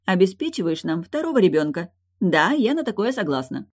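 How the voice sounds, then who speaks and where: A woman's voice: on the low side, big pitch swings, a little mellow, pitched above the performer's own voice. A woman voicing a stubborn, teasing young wife and new mother in an audiobook, raised well above her own voice. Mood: exasperated. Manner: quick-tempered, teasing.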